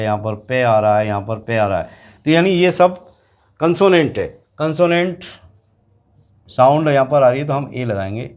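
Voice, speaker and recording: A man teaching an English grammar lesson to students, explaining slowly and repeating example words. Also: mid-range voice. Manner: slow, repetitive explaining, addressing students directly.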